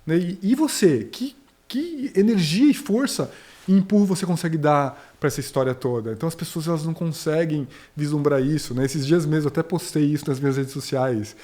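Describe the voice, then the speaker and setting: A man's voice: a little high, a little fast, mellow. A man from Brazil in his forties, a career mentor explaining his views earnestly in a podcast interview and telling anecdotes. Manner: earnest, explanatory, tells anecdotes with quoted dialogue.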